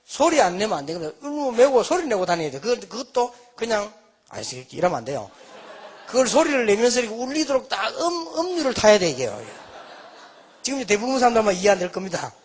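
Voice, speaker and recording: A man's voice: high-pitched, very animated, fast, husky. A man in his fifties preaching a sermon, telling folksy childhood stories with self-mocking humor. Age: 50s. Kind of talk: storytelling sermon.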